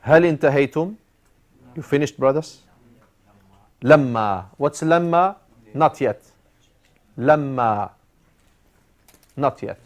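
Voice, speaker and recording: A man's voice: on the high side, lively intonation, a little slow, pauses often. A man teaching an Arabic grammar class, explaining step by step with frequent "uh" fillers and Arabic terms mixed in. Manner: explains step by step, repeating key words.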